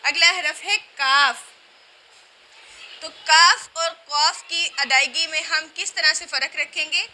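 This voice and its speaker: Woman teaching recitation, high bright voice, repeats each sound slow to show it, faint noise behind. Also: fairly even intonation, rough recording. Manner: repeats letters and words slowly to demonstrate, then explains briskly. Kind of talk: tajweed lesson, explaining and demonstrating sounds.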